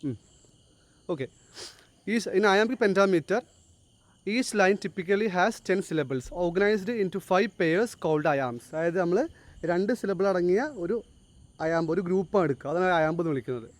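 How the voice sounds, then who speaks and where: In a dry recording, a man with a high voice teaches a classroom lesson. He explains each point in sequence, reads English lines with slow deliberation, and quizzes his students by asking the class for answers.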